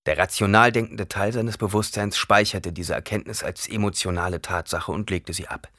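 A man reading an audiobook aloud in a dramatic, expressive way. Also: sits low, normal speed, dry recording, clean studio sound. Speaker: narrator. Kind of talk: audiobook narration.

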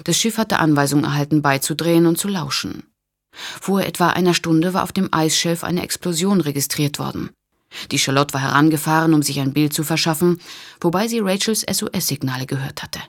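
A woman reads an audiobook in a low, measured voice. Her delivery is steady and even, with clear diction. It sounds like scripted narration.

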